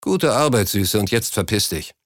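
A man's voice: fairly low pitch, very animated, moderate pace, no echo, clean studio sound. A man narrating an audiobook, voicing a brash, burly businessman in his late twenties who talks in a crude, smug, bullying way.

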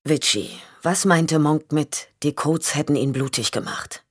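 A woman voicing a calm male investigator who questions gently and patiently, for an audiobook. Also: low-pitched, unhurried, breathy edge, dry recording, clean studio sound.

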